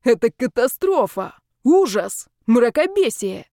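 A woman reading an audiobook and voicing a loud, panicky young man who shouts in outrage. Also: mid-range voice, expressive, slow, dry recording, clean studio sound. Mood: panicked. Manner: shouting, indignant.

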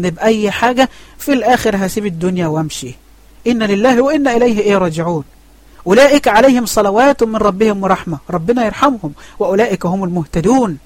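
Fast-talking Egyptian man teaching a lesson. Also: high-pitched, dry recording. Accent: Egyptian Arabic. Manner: asks questions and answers them himself. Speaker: religious teacher. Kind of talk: online religious lesson. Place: online voice chat room.

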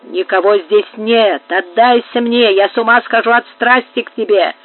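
A woman's voice: a little high, fairly even intonation, moderate pace, natural voice. A woman reading aloud and voicing an obsessed, menacing man who hisses and whispers his threats. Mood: pleading, obsessive. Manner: hissing, whispered intensity. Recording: tinny phone-like sound.

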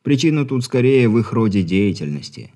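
A man narrating an audiobook with an even, wry storytelling manner. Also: mid-range voice, brisk. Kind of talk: scripted narration.

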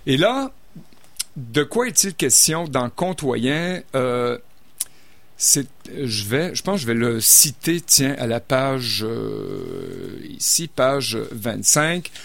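A man's voice: medium pitch, lively intonation, takes it slowly, vocal fry, a bit bright, dry recording. A man reviewing novels in casual radio chat, hesitant, with many fillers and restarts. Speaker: book reviewer.

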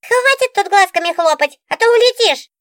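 A woman's voice: extremely high pitch, animated, normal speed, fairly bright tone, dry recording, clean studio sound, voice pushed up. A woman voicing a capricious female talking book, a pouty diva with an affected, whiny way of talking. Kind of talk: audiobook character voice.

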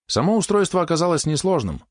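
A man reading first-person narration of an audiobook in an even, matter-of-fact way. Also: fairly high pitch, fast, no room sound, clean studio sound.

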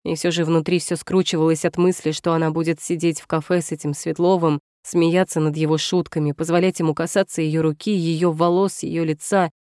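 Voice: mid-range voice, little pitch movement, brisk, few pauses, a little mellow, no room sound. Dry, brooding audiobook narrator. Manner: tense, brooding, dramatic. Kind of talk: first-person romance novel narration.

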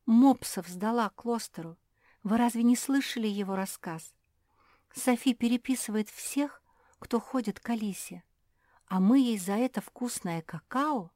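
A woman's voice: fairly high pitch, unhurried, dark tone, no room sound, studio quality, voice pushed up, lightly acted. A woman voicing an indignant, tearful female dog complaining at length in a storybook.

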